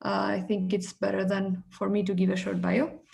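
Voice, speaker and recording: A woman's voice: medium pitch, monotone, normal speed, creaky, darkish tone. A woman coordinating and hosting a webinar over a video call, speaking in a friendly way with frequent fillers.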